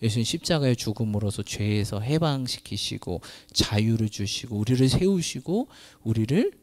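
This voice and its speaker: A male pastor preaching to his congregation in a chatty, questioning way. His pitch swings widely from low to high as he talks. The sound is dry and close, with little room echo. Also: a little mellow. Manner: laughs often mid-sentence. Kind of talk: sermon.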